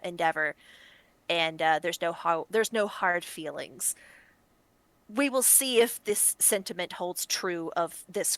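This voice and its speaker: A woman's voice: on the low side, fairly bright tone, no room sound. A woman running a tabletop game as game master, narrating casually and often breaking off to correct herself. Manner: chatty, self-interrupting, laughs at her own setup.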